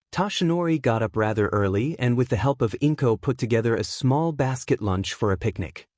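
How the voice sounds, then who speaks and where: Male narrator, mid pitch, dry close sound, steady story reading. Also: dry recording.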